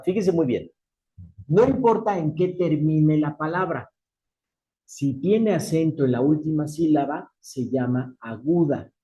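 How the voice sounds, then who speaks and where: A man teaching an exam-prep Spanish lesson, speaking slowly and deliberately, stretching key words and checking in with his students. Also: a little high, mellow, dull audio. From Mexico.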